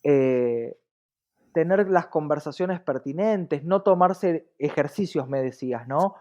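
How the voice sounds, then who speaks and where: A low-pitched woman with a dark tone and an Argentine accent speaks slowly as an interview guest, explaining things thoughtfully and conversationally. She frequently uses rhetorical questions, and the audio is dull.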